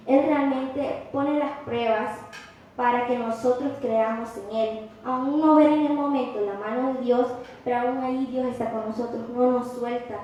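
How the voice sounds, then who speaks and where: A woman with a high voice delivers an earnest, impassioned sermon. Her voice rings through a very echoey church hall. A faint hiss of noise sits under it. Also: steady tone, normal speed, muffled recording. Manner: impassioned preaching, rising to loud cries when quoting. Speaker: preacher.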